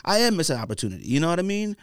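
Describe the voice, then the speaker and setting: An American podcast host races through a slangy, animated story, acting out quotes he imagines, in a smooth voice on the high side. The studio sound is clean and echo-free.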